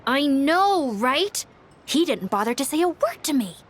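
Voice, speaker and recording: A chatty younger sister. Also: female voice, high voice, sing-song, unhurried. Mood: reproachful. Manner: bright, chatty. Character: earnest young woman, caring younger sister.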